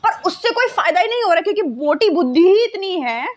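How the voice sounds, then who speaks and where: A woman's voice: very high voice, sing-song, a little fast. A young woman telling a funny personal story in a casual, self-mocking way, mixing English words into her talk. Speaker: content creator.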